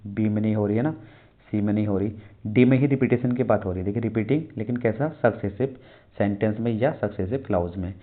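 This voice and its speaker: A male teacher giving an exam-prep lecture, asking questions and then answering them himself, mixing English terms into Hindi. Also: lowish voice. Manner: reads English questions aloud slowly. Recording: tinny phone-like sound.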